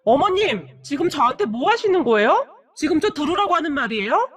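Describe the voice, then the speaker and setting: A woman voicing a pushy sister-in-law who wheedles and then talks back loudly. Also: high-pitched, expressive, normal speed, distant mic. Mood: defiant.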